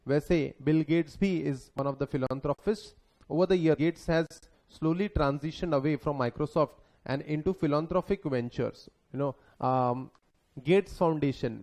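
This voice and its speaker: A young Indian man giving a relaxed classroom lecture that mixes Hindi and English, asking his students questions and answering them himself. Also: fairly high pitch. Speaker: exam lecturer.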